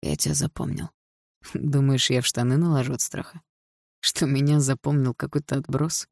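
A woman's voice: very deep voice, steady tone, normal speed, creaky, darkish tone, no room sound, clean studio sound, full character voice. A woman voicing a sneering, arrogant young man. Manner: sneering, through gritted teeth.

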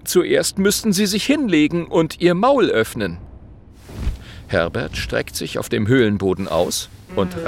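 A man narrating a children's audiobook, lively and playing many characters. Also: medium pitch, vocal fry. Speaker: storyteller.

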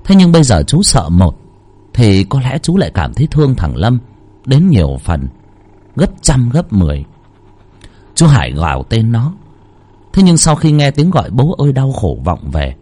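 With soft music playing faintly behind him, a man reads a scripted horror story aloud dramatically in a husky, mid-range voice.

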